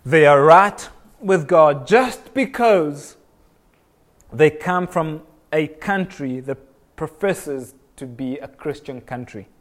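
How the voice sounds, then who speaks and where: Young male preacher from Kenya, earnest sermon delivery, repeats lines for emphasis, voice a touch high. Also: animated, slow pace. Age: young adult. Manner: earnest, repeats phrases for emphasis, frequent restarts.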